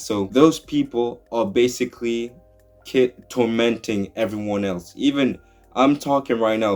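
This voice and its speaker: A young man talking to camera in an earnest, opinionated way, rambling and restarting sentences as he argues his point. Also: mid-range voice. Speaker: YouTuber. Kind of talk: opinion commentary vlog.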